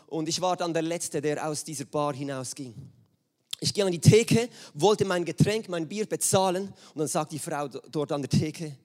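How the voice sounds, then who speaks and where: A man delivers a sermon to his congregation. His voice sits a little high, and he reads the scripture with lively expression, shifting his tone for the quoted speakers. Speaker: preacher. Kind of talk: sermon with Bible reading. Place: church hall with screen.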